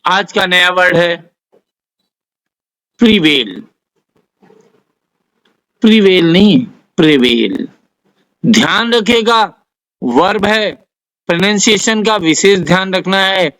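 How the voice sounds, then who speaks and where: A man with an Indian accent, teaching a vocabulary lesson, dictating word lists slowly and carefully. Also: high voice, lively intonation, sharp tone, poor audio. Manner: dictates word lists slowly, spells out English example sentences. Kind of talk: slow, deliberate vocabulary lesson.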